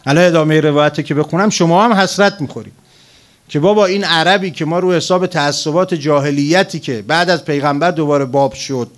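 A man preaching a sermon, telling a story and building to emphatic passages. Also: on the high side.

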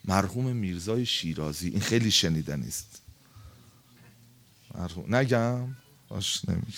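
A preacher recounts a story to his congregation with passion and everyday language, his intonation lively. He alternates between booming, high emphasis and low, murmured asides.

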